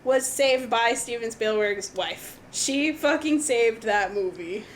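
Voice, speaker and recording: A woman's voice: fairly high pitch, slow, slight background noise. Blunt, profane woman podcast co-host. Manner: blunt and profane, sarcastic asides. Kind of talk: casual chat.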